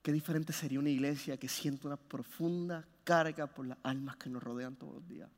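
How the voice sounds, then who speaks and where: Pastor, male, high voice, impassioned sermon delivery with sudden hushed drops; long hall reverb. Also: fairly even intonation, a little fast. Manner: impassioned, swings from loud urging to hushed low phrases.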